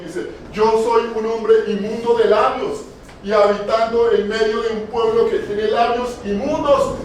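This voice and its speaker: A man's voice: sits high, a little mellow, slight background noise. A male pastor preaching a sermon, putting questions to the congregation and repeating key phrases for emphasis. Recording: echoey church from far off.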